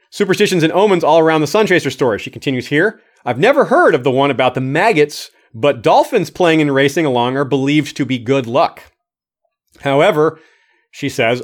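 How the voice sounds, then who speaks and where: A man hosting a livestream, reading a listener's comments aloud and adding his own casual remarks. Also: mid-range voice. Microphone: streaming microphone.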